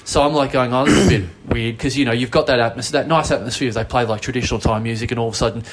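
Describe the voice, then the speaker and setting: In rapid-fire delivery, an Australian podcast host tells a long, meandering anecdote in a steady, mid-range voice. The chat is casual storytelling, with plenty of swearing and self-mockery.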